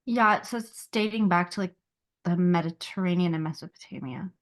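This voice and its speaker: A woman's voice: lowish voice, normal speed. A woman co-hosting a podcast in casual chat, laid-back, reading search results aloud and trailing off mid-thought. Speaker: podcast co-host.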